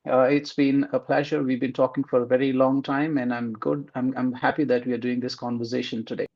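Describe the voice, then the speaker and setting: Male interview host, rough gravelly tone, chatty with fillers, muffled lo-fi audio. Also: medium pitch, little pitch movement, fairly quick. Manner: friendly, rambling intro with many fillers. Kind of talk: casual interview. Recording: slightly dull lo-fi sound.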